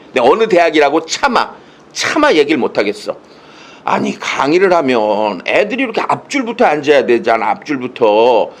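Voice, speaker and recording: A man giving a humorous lecture over a video call, telling stories in a playful, teasing way and acting out the quotes. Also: fairly high pitch. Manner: playful, teasing storyteller who acts out quotes. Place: indoors, speaking to a monitor.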